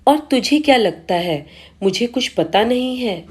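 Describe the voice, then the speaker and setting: Woman voicing a jealous husband, suspicious, accusing, lively voice, slow delivery. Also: on the high side, husky. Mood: angry. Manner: accusing, angry.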